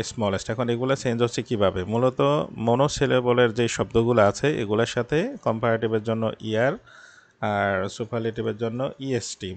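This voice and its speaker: A young male tutor speaking gives a grammar lesson. He explains patiently and step by step, slowing down to read out the example sentences. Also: mid-range voice.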